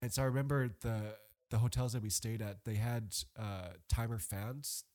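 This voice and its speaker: A man of medium pitch, speaking at a moderate pace, is a guest on a podcast. He chats casually and tells stories animatedly, rambling with plenty of restarts and fillers.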